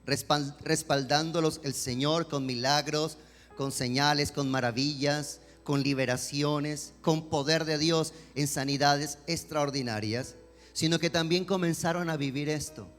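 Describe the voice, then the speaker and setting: A man preaching a sermon as a pastor, swinging between emphatic questions and softer pleading. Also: on the high side, steady tone, a little slow. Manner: preaching with rising emphatic questions and dramatic quoted voices. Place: church sanctuary. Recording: long church hall reverb with music behind.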